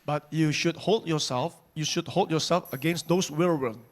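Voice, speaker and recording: A man interpreting a sermon line by line at a church service, giving quick literal renderings with loose grammar. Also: a little high.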